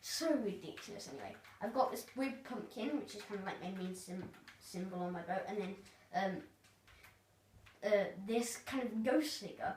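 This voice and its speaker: A woman's voice: medium pitch, lively intonation, moderate pace, darkish tone. A woman casually narrating a tour of her video game world, rambling and hesitant with lots of fillers. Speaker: gamer giving a tour of their world. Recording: roomy, distant mic, faint noise.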